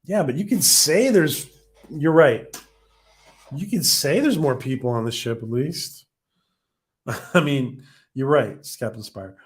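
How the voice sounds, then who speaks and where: A male live-stream host, reviewing a TV episode, chats casually through viewer comments while he's losing his voice, so his rambling is full of fillers and false starts. His voice sits on the high side with lively intonation, and he speaks slowly, pausing often.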